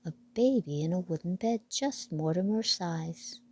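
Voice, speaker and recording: A woman reading a children's picture book aloud with deliberate storytelling phrasing. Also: fairly low pitch, expressive, warm tone, husky.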